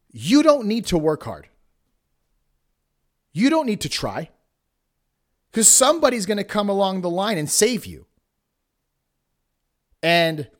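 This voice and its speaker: A man with a somewhat high voice delivers a motivational speech as a show host. He is blunt and emphatic, preaching tough love directly to the listener. His talk is forceful and peppered with swearing. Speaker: podcast host.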